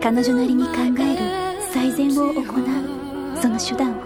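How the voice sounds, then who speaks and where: Woman playing Shion, a very high-voiced earnest heroine. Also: flat delivery, normal speed, loud music behind the voice, natural voice. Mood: proud, moved. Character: earnest, caring young female sci-fi heroine. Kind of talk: Japanese sci-fi game voice acting.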